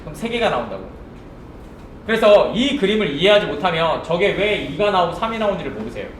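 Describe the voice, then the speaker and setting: A man lectures on programming in a high, lively voice, firing off rhetorical questions and checking again and again that his students follow. The sound is roomy, with faint keyboard typing behind him. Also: fast talker, a little hiss or hum. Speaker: programming instructor. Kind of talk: live coding lecture.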